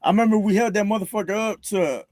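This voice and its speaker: A man's voice: sits high, quick pace, darkish tone, no room sound, studio quality. A man hosting a podcast, chatting casually in a laid-back, slangy way, tossing in "bro" often. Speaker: podcast host. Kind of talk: casual chat.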